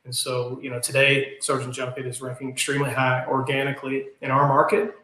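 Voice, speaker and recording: A man's voice: medium pitch, monotone, a little fast, bright, forceful tone. Appalachian man in an echoey room. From Kentucky, US. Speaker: podcast guest, business owner. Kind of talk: casual conversational interview.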